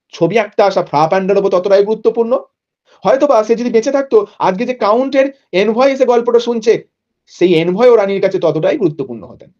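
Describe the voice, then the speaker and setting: A man teaching a literature class, reading poem lines slowly and then explaining them in a lively, chatty way. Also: sits high, muffled recording.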